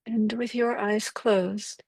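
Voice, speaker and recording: A woman guides a breathwork meditation at a very unhurried pace, leaving space between short, gentle instructions. Her voice sits at a middle pitch, recorded dry and close without room sound. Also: fairly even intonation, dry recording.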